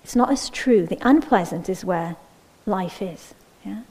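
A woman meditation teacher speaks in a mellow, warm-toned voice at an everyday pitch. She gives a gentle, unhurried dharma talk, often checking in with a soft "yeah?". At times her voice drops to a breathy near-whisper. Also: poor audio.

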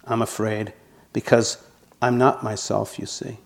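A man's voice: lowish voice, little pitch movement, measured pace, gravelly, a little hiss or hum. A man in his sixties reading aloud as a polite, unsure young girl from a storybook, stammering over her words. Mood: flustered. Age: 60s. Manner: hesitant, stammering.

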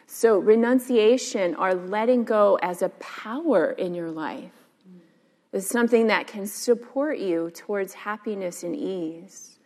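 A woman's voice: medium pitch, darkish tone. A woman teacher giving a casual dharma talk, chatty and full of "like" and "um". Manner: casual, chatty, many fillers. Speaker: meditation and yoga teacher. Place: meditation hall. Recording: long hall reverb.

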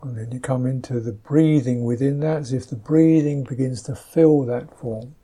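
A man with a medium-pitched, slightly husky voice leads a guided meditation, speaking softly and gently in unhurried, halting phrases.

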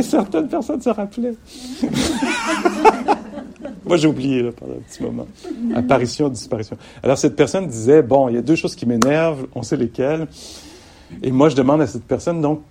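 A slightly rough, mid-range voice belongs to a middle-aged mindfulness meditation teacher giving a dharma talk to listeners. He laughs frequently, keeps a warm humor, and wanders from his thread before returning to it.

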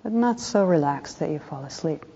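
Guiding a meditation, a woman teacher uses short, calm, softly spoken instructions with pauses between them. Her voice is low and mellow with a breathy edge, her pace normal, and the audio a bit muffled and dull.

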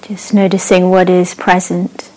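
A woman teaching a meditation class, guiding the practice in a slow, gentle way with long pauses. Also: fairly low pitch, completely flat delivery, rough recording. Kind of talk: guided meditation.

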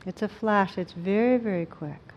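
A woman speaking as a meditation teacher, in a gentle, unhurried way with frequent pauses, as in a reflective talk or guided practice. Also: lo-fi sound. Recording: clear low rumbling background noise.

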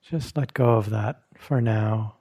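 In a retreat's meditation hall, a man with a mellow, husky, fairly low voice guides a meditation. He speaks very slowly and gently, with long pauses between short phrases, like a teacher settling a group into stillness.

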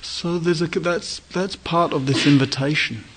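At a retreat, a male meditation teacher gives a dharma talk in a voice on the high side, with noise in the background. He speaks gently, using short, inviting phrases broken by pauses.

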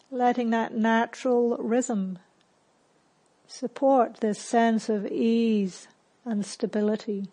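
The audio is poor as a woman with a fairly high voice leads a guided meditation. Speaking calmly and without hurry as the teacher, she gives soft instructions and lets long pauses settle between them.

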